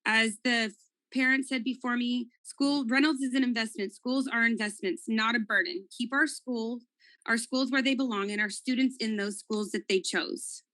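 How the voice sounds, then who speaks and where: A woman's voice: a little high, steady tone, normal speed, sharp tone. A woman, a parent, making an earnest public comment at a school board meeting over a video call, with repeated appeals.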